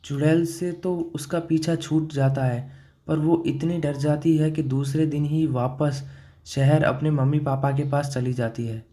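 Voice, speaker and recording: Male horror narrator, unhurried delivery, very dark tone, fairly high pitch. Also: steady tone. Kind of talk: scripted storytelling narration.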